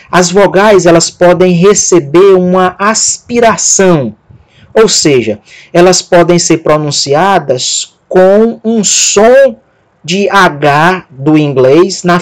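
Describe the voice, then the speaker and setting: A man teaching a recorded lesson, spelling out letters one by one in a slow, methodical way. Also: high voice. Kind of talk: recorded lecture over written slides.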